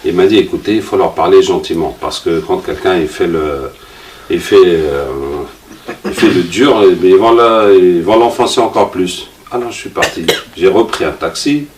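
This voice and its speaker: A man's voice: low-pitched, normal speed. A man giving an informal religious talk. He tells a personal story, acts out the dialogue and asks rhetorical questions. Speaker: preacher. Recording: roomy, distant mic, faint noise.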